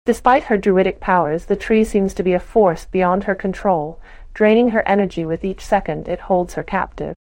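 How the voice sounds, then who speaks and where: Mellow woman reading a role-play story. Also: mid-range voice, normal speed, dry recording. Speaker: player narrating her character.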